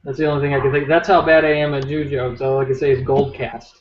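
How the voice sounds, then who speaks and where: A man's voice: medium pitch, flat delivery, fast. A man co-hosting a casual podcast, joking and swearing as he rambles. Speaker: podcast co-host. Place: home room, dogs nearby. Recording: roomy, dull lo-fi podcast audio with faint noise.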